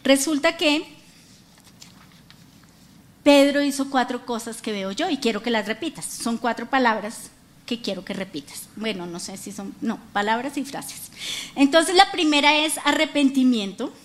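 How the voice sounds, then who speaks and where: A middle-aged woman preaching a lively sermon, acting out quoted voices and prompting the audience to repeat after her. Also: on the high side, normal speed.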